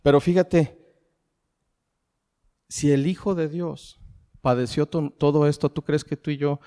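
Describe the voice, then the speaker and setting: A man's voice: fairly high pitch, fairly even intonation, measured pace, dark tone, clean tone. A middle-aged man with a Mexican accent preaching a sermon, asking the congregation rhetorical questions and calling them family. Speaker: pastor. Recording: long hall reverb.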